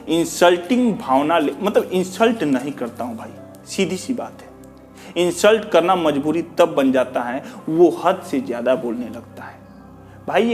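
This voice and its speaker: Earnest man, fairly high voice. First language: Bhojpuri. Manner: earnest, repetitive, rhetorical questions, mixes in English. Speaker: teacher. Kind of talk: addressing students, reading out feedback.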